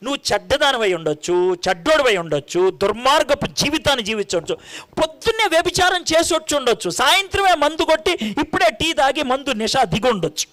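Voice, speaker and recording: High, lively-voiced male preacher. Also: brisk. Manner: animated, conversational, full of rhetorical questions. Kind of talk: sermon.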